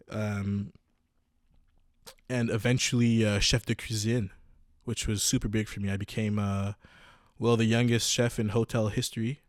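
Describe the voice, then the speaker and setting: In a studio-quality recording with no room sound, a young podcast host in his twenties tells his own story. His fairly low voice comes out casual and halting, full of restarts and fillers.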